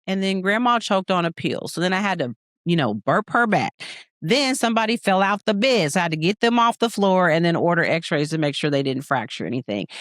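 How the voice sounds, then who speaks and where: Animated storytelling woman, dry sound. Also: medium pitch, no echo. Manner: animated, playful, acts out her stories. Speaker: podcast co-host, nurse practitioner. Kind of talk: casual storytelling chat.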